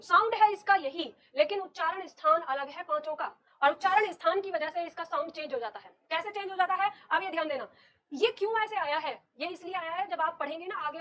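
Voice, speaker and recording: In a Hindi grammar class on the alphabet, a teacher preparing students for competitive exams explains each step and puts questions to the room. She speaks with an extremely high pitch and a fairly bright tone.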